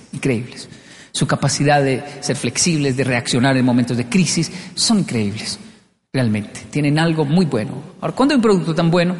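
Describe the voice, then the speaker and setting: A man gives a humorous motivational talk, storytelling and acting out scenes. His voice sits high. The sound carries the long reverb of a large hall. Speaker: motivational speaker.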